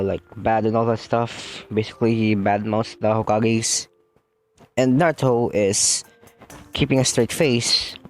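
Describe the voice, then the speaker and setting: A young man with a somewhat low voice retells a fan-made story off the cuff. He rambles, stumbles and corrects himself often. Faint music plays underneath the recording. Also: darkish tone. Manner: rambling, many fillers and self-corrections. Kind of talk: casual unscripted story retelling.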